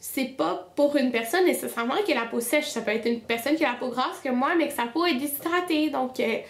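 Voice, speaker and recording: In her casual monthly favorites video, a young beauty vlogger speaks briskly in a high voice that echoes around the room. She has a Québécois French accent and a stuffy nose from a cold, and she rambles through her picks with many fillers and false starts.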